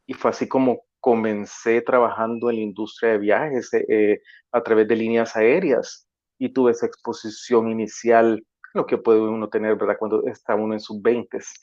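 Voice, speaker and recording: A man's voice: lowish voice, flat delivery, normal speed, darkish tone, no room sound. A middle-aged man talks as a podcast guest. He tells stories in a friendly, reflective way with easy fillers. His audio is dry and a little dull. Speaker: podcast guest, travel industry professional. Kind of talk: casual podcast conversation.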